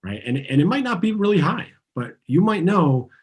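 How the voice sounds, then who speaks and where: His husky voice sits high and sing-song at normal speed as this man, born in Argentina and raised in the US, leads a guided tapping session. He is earnest, guiding the group and asking them to repeat his phrases.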